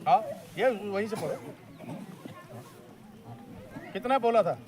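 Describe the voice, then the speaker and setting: A man's voice: high voice, lively intonation, slow, background noise. A man preaching an outdoor sermon by a river, urging the crowd to repeat his lines back to him. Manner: exhorting, leads call-and-response with the crowd. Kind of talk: outdoor sermon at a church picnic. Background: crowd of listeners.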